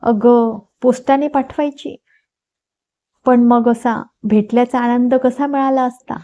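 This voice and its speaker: A woman voicing a cheerful young man who talks with excited, teasing warmth. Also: a little high, a little slow, close to an everyday voice. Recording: dull lo-fi recording.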